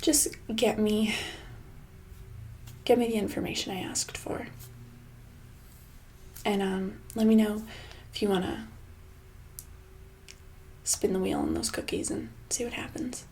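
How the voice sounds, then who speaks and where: In a soft-spoken ASMR roleplay, a woman plays a smug, sinister female boss sweetly holding an employee hostage. Her breathy, medium-pitched voice often drops to a whisper, very animated, casual, condescending, falsely sweet, mock-sympathetic and menacing, with hesitant pauses. A faint hiss or hum sits in the background.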